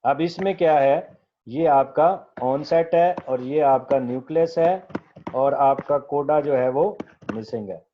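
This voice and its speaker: Slow, patient male lecturer, dull recording. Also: medium pitch, slight background noise. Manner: slow, patient, keeps checking students understood; dictates definitions very slowly. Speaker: professor teaching linguistics. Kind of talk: classroom lecture. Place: classroom.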